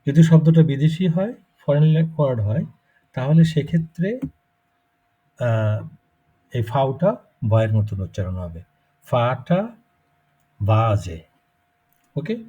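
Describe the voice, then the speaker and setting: Husky, dark-voiced man teaching a class. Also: mid-range voice, expressive, moderate pace, pauses often. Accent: Bangladeshi Bengali. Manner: explains step by step, checks with students. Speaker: German language teacher. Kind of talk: live class lecture. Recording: muffled lo-fi recording.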